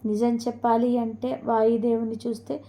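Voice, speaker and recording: A woman's voice: on the high side, level tone, normal speed, warm tone, close to an everyday voice. A woman voicing a proud, boastful giant female tree in a spoken storybook. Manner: boastful, scornful.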